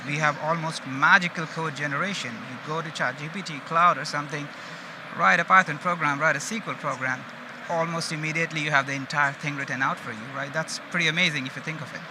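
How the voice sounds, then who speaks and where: A data engineering manager from India presents at a quick pace, his Indian-accented voice on the high side, chatting conversationally and checking in often with the audience. He's on an open stage at a busy exhibition, where loud event-hall noise dominates the recording.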